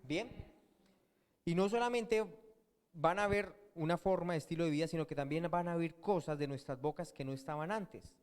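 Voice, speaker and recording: A man's voice: a little high, normal speed, smooth. A man preaching a sermon as pastor, often asking his congregation questions and answering them himself. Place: church hall. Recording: long church-hall reverb.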